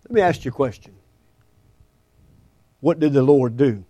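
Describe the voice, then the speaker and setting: A man's voice: mid-range voice, lively intonation, moderate pace, mellow, no room sound. A man preaching a folksy sermon in a small church, often repeating and restarting his words. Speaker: pastor.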